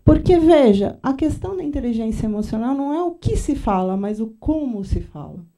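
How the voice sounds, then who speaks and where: A woman with a Brazilian Portuguese accent giving a corporate training talk, lively and acting out little dialogues. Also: a little high, brisk, far from the mic.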